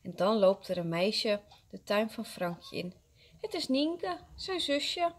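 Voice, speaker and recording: A kindergarten teacher, a woman, reading a story aloud to young children with expressive, gentle storytelling. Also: medium pitch, slow.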